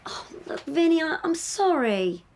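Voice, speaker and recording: A woman's voice: high voice, very animated, unhurried, darkish tone, full character voice. An actress playing a tired, irritable woman with a headache who speaks curtly and sometimes sinks to a whisper. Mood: weary. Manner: curt, drops to a weary whisper. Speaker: bride-to-be.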